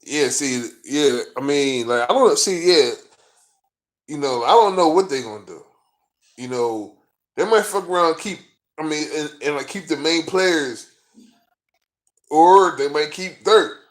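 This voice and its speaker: A man's voice: fairly high pitch, expressive, measured pace, long pauses. A man vlogging as a sports fan, ranting in a profane, frustrated and rambling way, full of fillers. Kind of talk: casual rant to camera.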